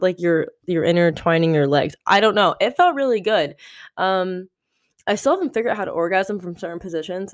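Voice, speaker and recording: A young woman in her twenties hosts her own podcast alone, chatting frankly and loosely. Her voice sits a little low for a woman, and she rambles, filling her sentences with casual fillers. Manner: candid, rambling, frequent "like" fillers. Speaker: podcast host. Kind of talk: solo podcast chat.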